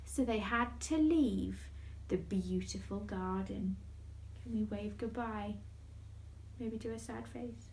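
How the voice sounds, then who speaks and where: A woman's voice: mid-range voice, slow, darkish tone, slight background noise. A woman hosting story time for children, talking in an overbright, playful way like a kids' party host.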